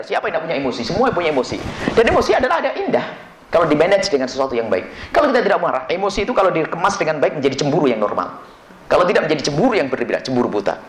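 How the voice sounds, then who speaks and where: A man preaching a sermon on marriage, quick and animated, acting out little dialogues between spouses. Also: on the high side. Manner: lively, quick preaching with acted-out quoted dialogues. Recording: echoey hall with faint noise.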